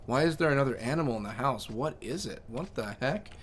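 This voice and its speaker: A man's voice: medium pitch, expressive, a little fast, a little hiss or hum, lightly acted. A man voicing a laid-back, curious female house cat who answers with nonchalant, puzzled remarks. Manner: nonchalant, then puzzled and bossy.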